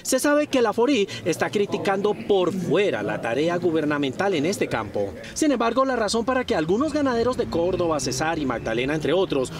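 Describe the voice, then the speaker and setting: A man's voice: high voice, sing-song, a little fast, noisy background. A man presenting a news segment, reading a scripted voice-over in an emphatic, punchy way.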